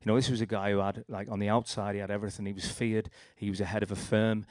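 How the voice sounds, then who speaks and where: A young man with a Liverpool accent tells his personal testimony in a rambling, storytelling way. His voice sits fairly low, and the recording is dry and close. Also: level tone, quick pace, darkish tone, dry recording. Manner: rambling, storytelling with restarts and acted quotes. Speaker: speaker sharing a testimony.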